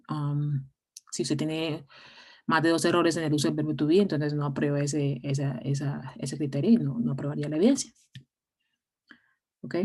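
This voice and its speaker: A woman's voice: sits low, flat delivery, normal speed, pauses often, darkish tone. A woman English teacher explaining step by step in an online class, with frequent fillers and restarts.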